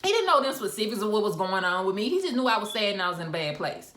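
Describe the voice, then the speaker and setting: A woman's voice: mid-range voice, quick pace. Young woman vlogger, candid storytime chat on a phone, echoey room. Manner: candid, animated storytelling with asides and laughs. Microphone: phone camera. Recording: roomy echo.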